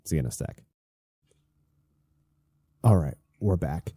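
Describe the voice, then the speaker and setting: A deep, very mellow man's voice with a slightly stuffy edge, recorded dry. He hosts a solo show in a casual, confessional way, often halting and doubling back on his own sentences. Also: lively intonation, breathy edge, no echo. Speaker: host of a solo online show.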